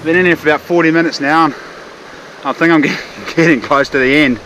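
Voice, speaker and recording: A man's voice: on the high side, fairly even intonation, quick pace, over music. A man with a broad New Zealand accent giving casual, laid-back, slangy running commentary for a vlog. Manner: laid-back, matter-of-fact, mildly sweary and slangy. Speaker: vlogger. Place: outdoors and around vehicles. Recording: noisy outdoor audio with vehicle sounds.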